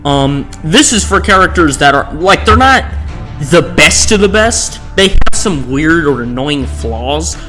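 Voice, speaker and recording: The tier-list host's fairly high, sharp-toned voice is animated yet unhurried as he rambles through unscripted, digressive commentary, tacking "right?" onto statements. The recording is rough, with faint music behind.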